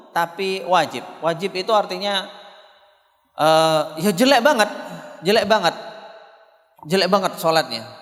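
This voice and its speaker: A man teaches a mosque study session in a relaxed, conversational way, and every so often he breaks into chanted Quranic lines to show the correct recitation. His voice sits high for a man, and it carries a long reverb from the mosque hall around him. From Indonesia. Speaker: Islamic preacher.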